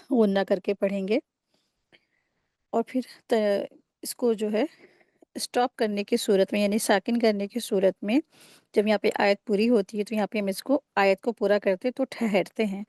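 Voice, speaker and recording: A woman teaching a recitation lesson, patiently explaining each rule and then slowly modelling the drawn-out sounds. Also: mid-range voice, darkish tone, no echo, clean studio sound. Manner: patient, repeats and corrects common mistakes. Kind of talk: tajweed lesson.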